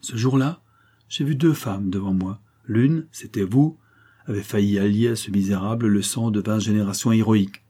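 A man reading a novel aloud, voicing a proud and commanding noblewoman with a forceful, insistent delivery. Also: on the low side, normal speed, husky.

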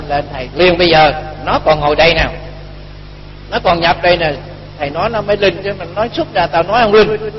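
A man's voice: high voice, slight background noise. A man, a Buddhist monk giving a storytelling sermon and acting out the dialogue in his tale. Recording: dull lo-fi recording with long reverb.

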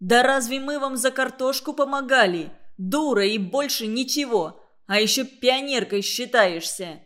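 A woman's voice: a little high, lively intonation, a little slow, a bit bright. A woman voicing a hot-tempered young boy who speaks angrily and harshly. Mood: angry. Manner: angry, harsh.

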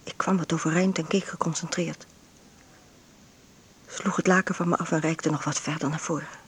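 An actress in a radio play delivers an intimate first-person monologue as a frail, ailing, bedridden mother who is weary and intense. Her low, breathy voice often falls to a whisper, with fairly even intonation, a moderate pace and a tense, absorbed mood. The acting is light, and there is slight hiss or hum.

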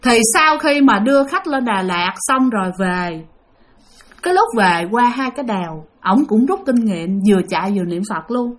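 A woman's voice: fairly high pitch, animated, moderate pace. A woman telling a ghost story in a chatty way, talking straight to her listeners. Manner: chatty, addresses listeners directly.

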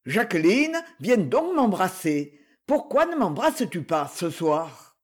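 A reader voicing a bedridden, jealous husband who keeps himself tightly controlled, with a low, hoarse voice. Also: male voice, wildly swooping pitch, a little slow, a little mellow, exaggerated voice. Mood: tense restrained.

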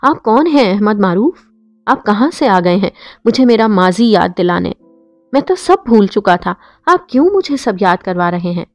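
A woman's voice: medium pitch, very animated, a little mellow, no room sound, faint music behind. A woman reading out the lines of a grown man who is weeping for his lost mother, asking pleading, bewildered questions. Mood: tearful pleading.

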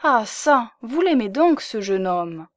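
A woman reading an audiobook, voicing a scheming young married woman who talks in a coaxing, lively way. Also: on the high side, slow pace, no room sound, clean studio sound.

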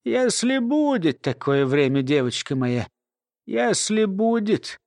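A sardonic old woman explains and scoffs in a lecturing tone, read by a man. She sounds high and dry up close, with no room around her, in an audiobook. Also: big pitch swings, slow pace, vocal fry, a little mellow, no echo, heavily acted. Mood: rueful. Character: sly, grumpy old woman, a lore-keeper. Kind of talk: audiobook character voice.

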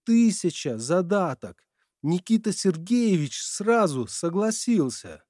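A man voicing an agitated, stern middle-aged mother in an audiobook, scolding in a raised, shrill way. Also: big pitch swings, takes it slowly, a little mellow, no echo, studio quality, full character voice. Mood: furious.

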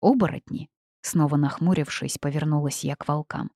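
A woman narrating a first-person fantasy audiobook with lively, expressive storytelling on a close mic. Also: fairly low pitch, normal speed, vocal fry, slightly rough, dry recording.

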